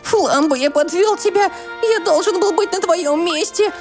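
Woman as high-voiced, timid little creature. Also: normal speed. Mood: anxious. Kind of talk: animated comedy dub. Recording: music behind.

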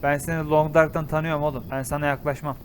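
A young man with a Turkish accent gives casual let's-play commentary, excitable and exclaiming, swinging from loud outbursts to low muttering. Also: fast, a little hiss or hum. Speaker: gaming YouTuber.

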